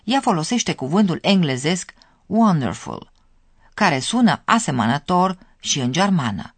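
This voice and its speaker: Lively-voiced radio lesson host. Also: mid-range voice, no echo. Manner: clear, explanatory, addresses listeners directly. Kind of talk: scripted radio lesson narration.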